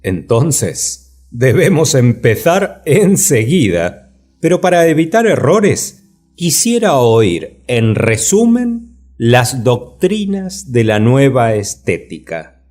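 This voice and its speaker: Man reading book dialogue, really slow and deliberate, lots of melody in the voice. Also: mid-range voice, very animated, a little mellow. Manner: deliberate, drawn-out phrasing.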